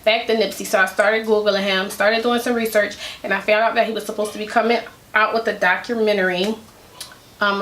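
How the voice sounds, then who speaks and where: Her voice mid-range and a bit bright, a woman vlogs at home in an echoey room. She chats informally to camera, giving her views with meandering tangents.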